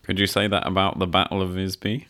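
A man's voice: low voice, little pitch movement, quick pace, fairly bright tone. A man with a British accent, introducing a podcast as co-host in a conversational style. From Britain.

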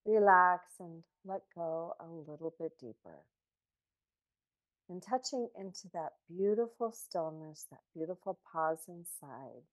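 Female meditation guide, lower-pitched, calm meditative delivery for a podcast breathing exercise. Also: poor audio. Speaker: podcast host.

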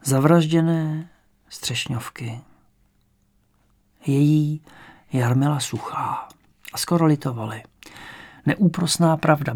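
Gravelly male audiobook narrator. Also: a little high. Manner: calm, measured storytelling.

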